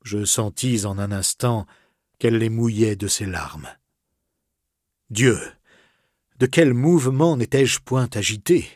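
A man reading a classic novel aloud as narrator, expressive and softly dramatic. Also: on the low side, unhurried, dry recording, clean studio sound. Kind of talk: literary audiobook reading.

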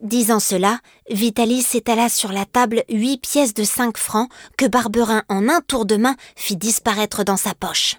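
A woman's voice: fairly high pitch, unhurried, few pauses, dry recording, clean studio sound. Woman reading a classic story aloud. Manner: clear, steady storytelling. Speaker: audiobook narrator. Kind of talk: scripted narration.

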